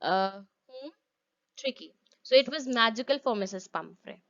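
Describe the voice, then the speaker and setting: A woman's voice: on the high side, animated, moderate pace, fairly bright tone, lo-fi sound. A woman teacher, explaining a story to her class, repeating words for stress and asking the class questions.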